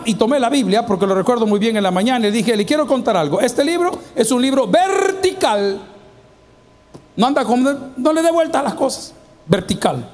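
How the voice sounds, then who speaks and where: Brief: Salvadoran man, pastor preaching a lively sermon in a church, very high voice, peppers the crowd with questions. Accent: Salvadoran Spanish. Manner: animated preaching, acts out quoted voices, asks the congregation questions. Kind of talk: sermon to a congregation. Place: church hall.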